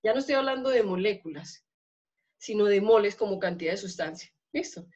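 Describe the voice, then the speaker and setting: A woman's voice: mid-range voice, animated, fairly quick, darkish tone. Colombian female chemistry teacher, classroom lecture, frequent check-in questions, muffled lo-fi sound. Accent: Colombian Spanish. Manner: checks in often with questions to students.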